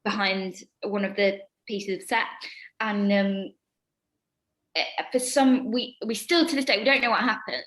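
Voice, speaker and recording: A woman's voice: fairly even intonation, a little slow, a bit bright. Chatty young woman telling stage stories. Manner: rambling with many ums, acts out quoted lines in a high voice. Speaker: actress, interview guest. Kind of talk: casual anecdote-telling.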